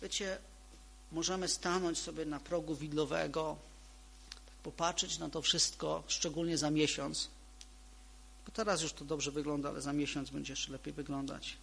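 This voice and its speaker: A man preaching a sermon to a congregation, emphatic, repeating key phrases and moving between loud and soft delivery. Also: fairly high pitch, flat delivery, normal speed, vocal fry, a little hiss or hum.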